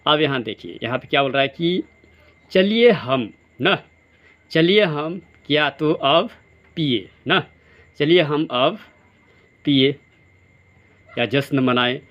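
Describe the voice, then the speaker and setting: A male teacher explaining grammar quiz answers. He keeps asking questions and answering them himself, and he reads the example sentences slowly, word by word. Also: fairly high pitch, lively intonation. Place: classroom or study centre. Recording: dull lo-fi sound.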